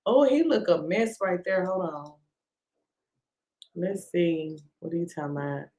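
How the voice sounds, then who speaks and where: A woman's voice: on the low side, measured pace, dark tone, reverberant. A woman hosting a casual live stream, talking in a drawling, exasperated, slangy way.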